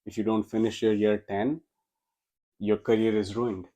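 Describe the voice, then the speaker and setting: This podcast guest, a young man from India whose first language is Gujarati, recounts his story in a casual interview, often starting his sentences over. He speaks with an Indian accent at a normal speed, his low, mellow voice holding a level tone.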